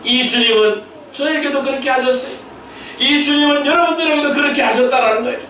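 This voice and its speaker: A man pastor delivering a Sunday sermon, emphatic, asking rhetorical questions and rising to shouted peaks, recorded in a church sanctuary. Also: extremely high pitch, quick pace, slight background noise. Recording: very echoey hall, mic at a distance.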